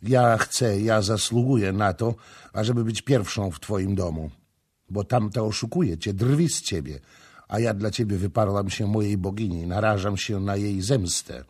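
A man voicing a jealous, proud Phoenician woman who makes shrill, demanding outbursts. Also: moderate pace, a little mellow, slightly rough. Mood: furious. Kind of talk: audiobook character voicing.

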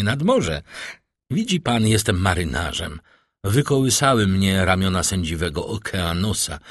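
Guy reading a grand calm count, husky, dry close sound. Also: fairly low pitch, no room sound.

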